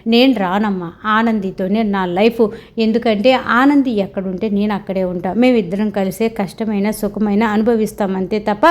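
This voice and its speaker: A devoted young husband refuses firmly and calmly, as a woman storyteller speaks his lines. His tone is steady and unbending. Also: mid-range voice, moderate pace, close to an everyday voice.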